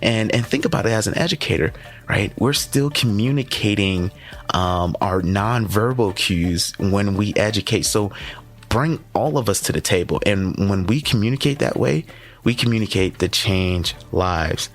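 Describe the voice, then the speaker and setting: Energetic low-voiced male podcast host. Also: moderate pace. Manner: energetic, conversational, keeps checking in with "right?". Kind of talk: motivational podcast talk.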